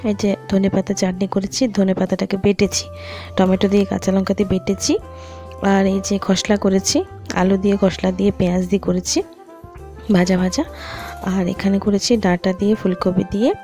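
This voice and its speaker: A woman's voice: mid-range voice, little pitch movement, normal speed, warm tone, faint music behind. A woman vlogging her daily chores, chatting to viewers step by step as she films on a phone. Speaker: home vlogger and mother. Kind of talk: casual daily-life vlog narration. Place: at home and out shopping.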